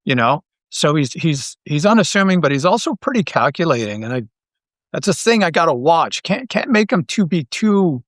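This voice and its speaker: A man from Toronto, a writer and creator, talking as a guest in a relaxed interview, thinking aloud with many restarts. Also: on the high side, normal speed, dry recording, studio quality. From Toronto, Canada. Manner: thoughtful, many restarts and stammers. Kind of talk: casual interview chat.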